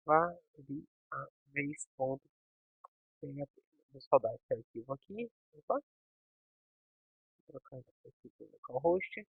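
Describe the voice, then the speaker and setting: A man's voice: mid-range voice, lively intonation, takes it slowly, vocal fry, long pauses, husky, no room sound. Man, tutorial teacher, step-by-step coding walkthrough, dry lo-fi mic. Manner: talks through code step by step, checking with "ok?" and "certo?". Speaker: programming teacher. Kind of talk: screen-recorded coding tutorial.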